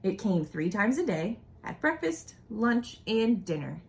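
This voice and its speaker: Woman, picture book read-aloud, highly varied intonation, mid-range pitch, deliberate storytelling phrasing. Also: sing-song, gravelly. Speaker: children's picture book reader.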